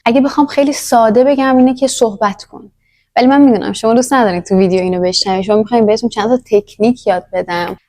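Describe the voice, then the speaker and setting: A woman's voice: fairly high pitch, warm tone. A woman teaching a language in a casual, chatty lesson, talking straight to the viewer. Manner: chatty, addresses viewer directly.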